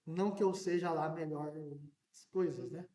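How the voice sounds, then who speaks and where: A man preaching a sermon as a pastor, in an animated way that now and then breaks into shouting. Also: on the high side, normal speed. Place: church hall. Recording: echoey church hall, mic at a distance.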